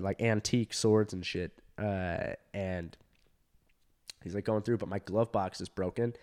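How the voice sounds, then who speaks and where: A man who does stand-up telling a long story in casual chat, full of fillers, swearing and animated quoted voices. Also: fairly low pitch. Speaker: stand-up comedian.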